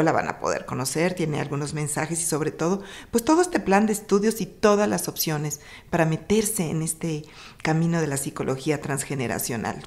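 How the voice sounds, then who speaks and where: A woman hosting a podcast interview, asking lively questions. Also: fairly low pitch. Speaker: podcast host.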